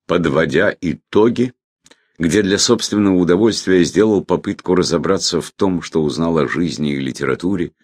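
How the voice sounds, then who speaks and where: A man reading a reflective memoir as audiobook narration, in a measured way with phrase ends that trail off. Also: low voice, vocal fry, no room sound, clean studio sound.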